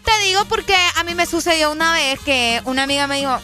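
A woman's voice: high voice, quick pace, soft background music. A woman co-hosting a radio show, chatting casually and telling stories. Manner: lively storyteller, acts out quoted voices. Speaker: radio co-host.

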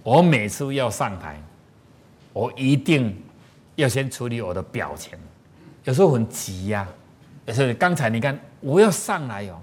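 A man with a Taiwanese Mandarin accent, a spiritual teacher giving an animated sermon-style lecture full of rhetorical questions to the audience. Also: mid-range voice.

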